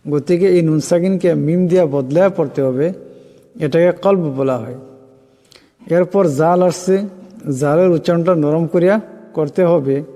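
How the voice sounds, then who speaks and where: Man teaching Quran recitation, slow melodic chanting, fairly high mellow voice, long reverb tail. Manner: chants verses slowly and melodically, then explains pronunciation rules quickly. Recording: long reverb with faint music.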